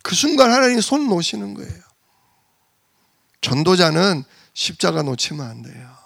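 Male pastor, sermon, emphatic, repeats lines, gravelly, bright tone. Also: a little high. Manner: emphatic, rhetorical questions and repetition.

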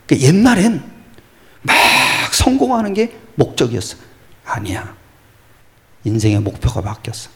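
A pastor with a mid-range voice delivers a sermon that shifts between loud exclamations and hushed whispers. Along the way he answers his own rhetorical questions.

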